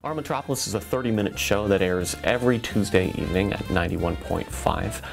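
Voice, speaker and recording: Older man with a gravelly low voice. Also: fairly quick, faint music behind. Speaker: radio show host. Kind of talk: promotional talk. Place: radio studio. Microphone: studio microphone with headphones.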